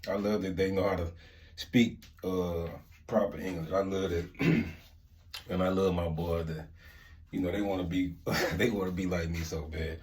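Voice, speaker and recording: A man's voice: sits low, fairly even intonation, moderate pace, darkish tone, a little hiss or hum. A middle-aged man, telling stories casually in rambling, repetitive, slangy talk. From Mississippi, United States. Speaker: vlog host and storyteller. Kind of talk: casual storytelling chat.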